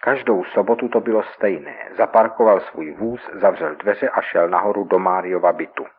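A man narrating a story in a measured, scripted radio reading. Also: sits low, slightly rough. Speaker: reader. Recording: tinny old radio recording.

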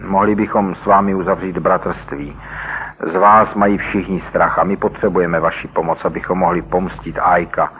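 An urgent young gang leader begging for help, as a man reading a radio story puts him on. The voice is low and male, lifted slightly by the urgency. It comes through a thin, phone-like band with a light hiss. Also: level tone, natural voice. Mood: pleading. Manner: urgent, pleading. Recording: tinny radio broadcast, faint hiss.

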